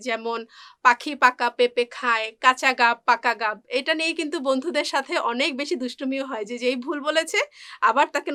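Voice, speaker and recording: A woman English tutor, explaining in mixed with English and reciting tongue twisters slowly and carefully. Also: high-pitched, a bit bright. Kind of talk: friendly language lesson.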